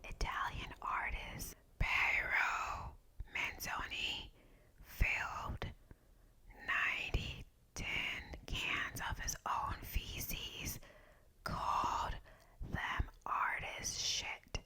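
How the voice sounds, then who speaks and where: A woman speaks entirely in a breathy whisper, in the manner of an ASMR host reading out facts. Her delivery is slow and deliberate, with measured phrasing. The whisper has a bright, sharp edge.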